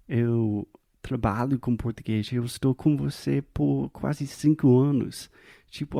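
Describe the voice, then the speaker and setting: With a warm, mid-range voice and some vocal fry, this American-accented native English speaker thinks out loud earnestly and reflectively while co-hosting a casual podcast conversation. The studio sound is clean, with no echo.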